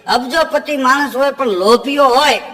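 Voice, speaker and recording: A man tells folk jokes and tales from a stage. His voice sits very high and rings bright. A long hall reverb trails each line. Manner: chuckles through punchlines, chants verses slowly. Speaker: folk comedian. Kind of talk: Gujarati folk storytelling with jokes.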